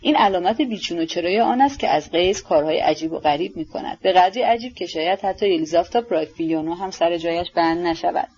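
A woman's voice: lowish voice, hardly any pauses, a little mellow, husky, voice pushed down. A woman reading a sly mocking nobleman. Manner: mocking, insinuating asides. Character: sarcastic worldly young nobleman. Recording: dull lo-fi audiobook recording.

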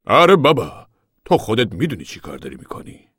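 A man voicing a gruff middle-aged farmer father who talks bluntly and loudly. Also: medium pitch, huge pitch swings, dry recording, clean studio sound, voice pushed up, full character voice.

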